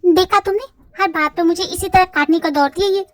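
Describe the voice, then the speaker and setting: A woman's voice: very high-pitched, fairly quick, no echo. A woman voicing a strict middle-aged mother who is ill and scolds her daughter. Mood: scolding. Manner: scolding, insistent.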